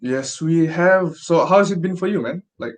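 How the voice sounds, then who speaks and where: A man's voice: on the high side, moderate pace. A young man hosting a casual chat in a conversational way. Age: young adult. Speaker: podcast host.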